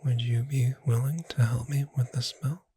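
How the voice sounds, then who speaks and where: As the friendly witch bookseller of a soft-spoken ASMR roleplay, the performer uses a natural voice in a breathy near-whisper, gentle, unhurried and a little wry. Pitch is medium with fairly even intonation, the mood gentle and persuasive, and a slight hiss or hum can be heard.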